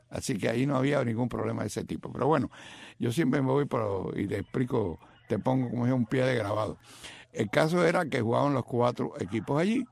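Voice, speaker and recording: A man's voice: mid-range voice, gravelly, no echo. An older man from Cuba with a Cuban accent, chatting casually and rambling through stories with many asides. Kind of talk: casual chat.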